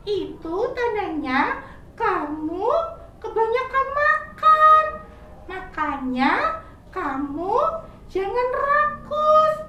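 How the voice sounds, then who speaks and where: A woman voicing a wise, kindly squirrel who gives advice in a gently scolding way. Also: very high-pitched, muffled recording, slight background noise, voice pushed up, heavily acted. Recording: echoey room, from far off.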